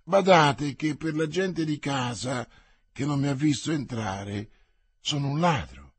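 Cast: sly plaintive manservant, read by a man, husky, dry storybook read. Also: medium pitch, lively intonation, unhurried, no room sound. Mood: wary. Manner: plaintive and wary. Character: cautious, sly male servant, plaintive.

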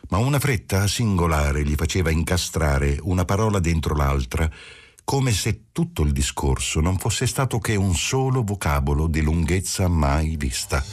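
Deep husky male audiobook reader. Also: animated, normal speed, darkish tone. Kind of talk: literary audiobook narration.

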